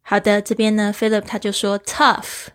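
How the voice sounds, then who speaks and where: A woman's voice: medium pitch, completely flat delivery, moderate pace, fairly bright tone. A woman hosting a language lesson, patiently explaining English words and spelling them out letter by letter. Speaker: English teacher and podcast host. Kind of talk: bilingual vocabulary lesson.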